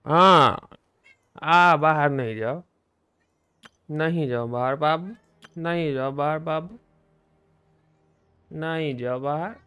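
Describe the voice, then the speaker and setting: A man's voice: fairly high pitch, slow, pauses often, pushed and bright, clean tone, dry recording. A man, a game streamer at home, coaxing his cat in doting baby talk between casual chat. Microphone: desk microphone.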